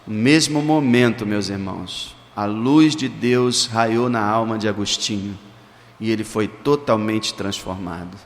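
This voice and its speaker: A man's voice: lowish voice, unhurried. A male pastor, preaching a sermon and telling stories with emphatic, dramatic stresses. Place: church. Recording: reverberant church hall.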